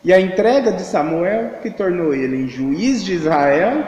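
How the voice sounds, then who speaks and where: A man's voice: high voice, animated, unhurried, a little mellow, a little hiss or hum. A man from Brazil reflecting on scripture in a sermon, posing rhetorical questions. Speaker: church speaker. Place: church hall. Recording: echoey church hall.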